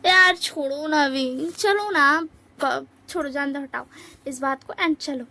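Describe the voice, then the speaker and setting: A woman's voice: high-pitched, slow pace, sharp tone, heavily acted. A woman voicing a carefree young nobleman who coaxes and insists in a breezy way. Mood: coaxing.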